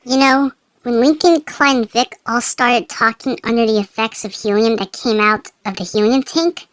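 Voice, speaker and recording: A woman's voice: a little high, moderate pace, fairly bright tone, no echo. A woman delivering scripted review commentary as a video critic.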